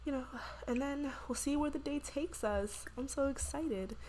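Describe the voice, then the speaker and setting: A woman's voice: sits high, moderate pace, mellow, a little hiss or hum. A woman hosting a game video and narrating her characters' drama in a chatty, gossipy way. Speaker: let's play host. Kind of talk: gaming commentary.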